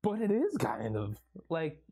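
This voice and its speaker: A man co-hosting a casual movie podcast, excitable and profane, laughing often as he acts out favorite lines. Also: on the high side, unhurried, gravelly, a loud crowd. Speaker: podcast co-host. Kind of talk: casual movie review chat.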